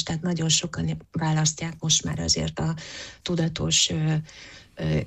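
A woman's voice: low-pitched, vocal fry, breathy edge. A woman answering interview questions as a psychologist, thoughtful, with frequent hesitations and restarts. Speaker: psychologist guest.

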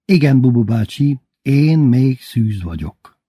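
A man's voice: mid-range voice, animated, mellow, slightly rough, dry recording, studio quality, voice pushed up. A man voicing a shy, earnest teenage son who blurts out his answers.

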